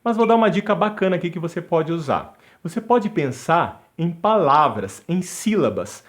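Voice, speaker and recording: A man's voice: on the high side, sing-song, moderate pace. A man teaching a music lesson, counting beats aloud and chanting syllables along with a metronome. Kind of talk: instructional video lesson.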